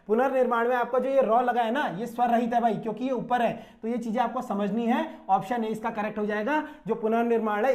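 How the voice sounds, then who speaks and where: A man teaching an exam-prep grammar lesson in a casual way, breaking words into syllables and firing questions back at students. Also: very high-pitched. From Uttarakhand, India. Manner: conversational, repeats questions, says "bhai", stretches out syllables.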